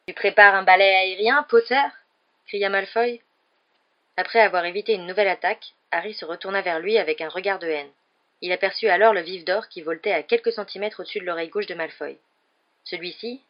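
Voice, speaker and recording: A woman reads an audiobook chapter aloud in a steady, expressive storytelling manner. Her voice sits somewhat low, and the recording sounds dull and lo-fi. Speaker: audiobook narrator. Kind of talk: scripted audiobook narration.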